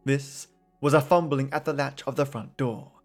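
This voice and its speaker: A man reading a classic story aloud in measured, dramatic storytelling narration. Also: medium pitch, steady tone, vocal fry, soft background music.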